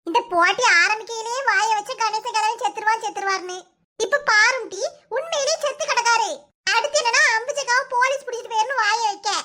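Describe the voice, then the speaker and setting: A woman voicing a quick-tempered village woman in a cartoon, scolding with a Kanyakumari Tamil accent. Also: extremely high pitch. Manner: scolding, sharp-tongued.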